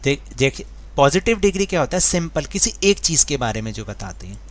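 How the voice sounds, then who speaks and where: A man's voice: fairly high pitch, big pitch swings. A man teaching an English grammar worksheet in Hindi, patiently repeating rules, spelling words letter by letter and asking the class questions. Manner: mixes Hindi with slowly read English sentences; asks the class rhetorical questions.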